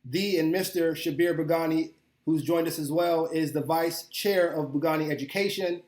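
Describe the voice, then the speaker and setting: Upbeat guy hosting a podcast, kinda high voice, sounds like a big echoey room. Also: steady tone, normal speed, a little mellow. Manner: upbeat, repeats words when enthusiastic. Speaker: podcast host. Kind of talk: casual interview chat.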